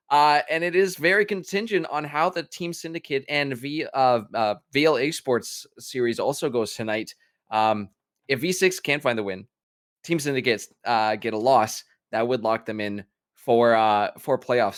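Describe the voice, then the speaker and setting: A man commentating live as an esports caster, with a hyped, excitable delivery. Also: mid-range voice, no room sound, studio quality.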